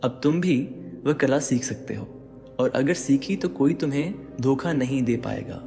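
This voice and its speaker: An expressive man with a creaky, dark, mid-range voice takes his time delivering dramatic motivational narration. He addresses the listener head-on with rhetorical questions, over long reverb and faint background music.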